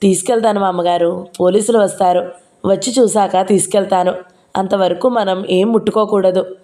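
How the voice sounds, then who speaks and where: A woman voicing a calm, careful husband who speaks gently and measuredly while breaking bad news. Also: mid-range voice, normal speed, close to an everyday voice.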